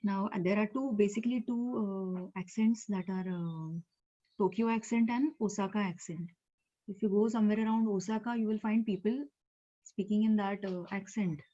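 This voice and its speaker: A woman's voice: mid-range voice, steady tone, normal speed, dark tone. A woman with an Indian English accent teaching Japanese in an online class, explaining step by step with many fillers and repeated words. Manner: explanatory, with frequent fillers and repetitions. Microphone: video call. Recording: lo-fi video call audio.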